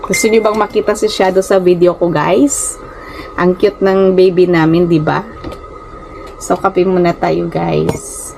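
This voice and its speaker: Speaking from her small rented room, this female vlogger from the Philippines talks with a Filipino accent in a chatty, casual way, stumbling now and then and frequently addressing her audience as "guys." Her fairly low voice has vocal fry, a measured pace, and mostly even intonation, with background noise behind it.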